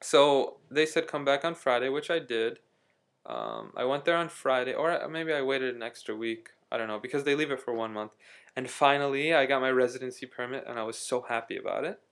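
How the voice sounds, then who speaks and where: His voice is mid-range, gravelly, a bit bright, and expressive, moving a little fast. An Istanbul-based vlogger, he rambles chattily through a story in his video diary, stumbling over fillers and starting sentences over.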